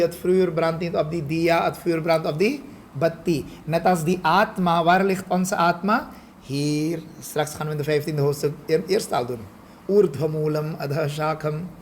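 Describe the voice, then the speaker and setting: High-voiced man teaching with questions. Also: a little hiss or hum. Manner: explains with frequent rhetorical questions and "ja?" checks, mixes in English phrases. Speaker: spiritual teacher. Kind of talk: Gita study lecture.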